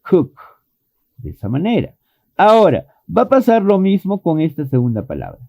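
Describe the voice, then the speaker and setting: A man's voice: a little high, wildly swooping pitch, brisk, creaky, a little mellow, no echo. A man teaching an online English pronunciation lesson, patiently explaining and repeating vowel sounds as demonstrations. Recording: thin phone-like dry audio.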